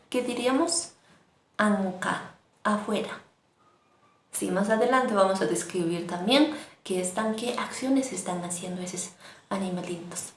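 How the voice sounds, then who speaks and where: Slow, patient woman teaching Aymara words. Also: medium pitch. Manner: slow and patient, repeats words for learners to echo. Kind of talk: online language lesson. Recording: echoey room with faint noise.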